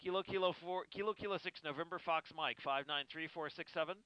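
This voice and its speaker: A man's voice: a little high, fairly quick. A man operating in an amateur radio contest, calling in phonetic alphabet and numbers over the air. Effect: ham radio transmission. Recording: muffled radio audio, loud static and noise.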